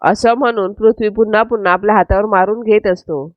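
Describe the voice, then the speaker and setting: A woman retelling a TV serial episode in steady storytelling narration, in a dull, dry, lo-fi recording. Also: medium pitch, brisk, dry recording.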